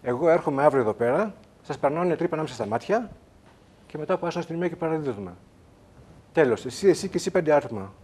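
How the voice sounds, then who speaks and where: A man's voice: a little high, animated, darkish tone, slightly rough. A man who is a guest on a TV talk show, telling his story with emphasis and acting out the other people's lines in quoted voices. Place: TV studio.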